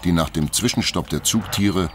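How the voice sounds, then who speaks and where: A man reading scripted nature documentary narration in a measured, factual storytelling manner. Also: deep voice, a bit bright, a little hiss or hum.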